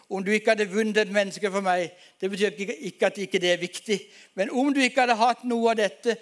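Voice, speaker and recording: High-voiced man preaching a testimony. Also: fairly bright tone. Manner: storytelling, emphatic, addresses congregation as folks. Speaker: pastor. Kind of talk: sermon testimony.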